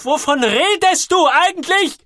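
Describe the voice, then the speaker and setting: A man voicing a distraught grown woman with no nose who shouts at a boy in an audiobook reading, with shrill, drawn-out cries. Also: steady tone, no echo, clean studio sound. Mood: furious.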